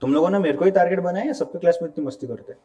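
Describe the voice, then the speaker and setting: A male teacher gives a classroom grammar lecture in a high-pitched, dark-toned voice, talking very fast. He keeps it conversational, mixes English terms into his Hindi, and often asks students to confirm they're following.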